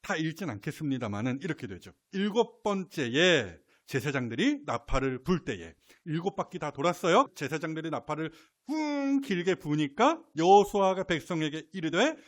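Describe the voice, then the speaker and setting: Male pastor, middle-aged, fairly high voice, animated delivery with acted-out shouts. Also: normal speed, hardly any pauses. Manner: lively, playful, acts out shouts. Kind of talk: sermon.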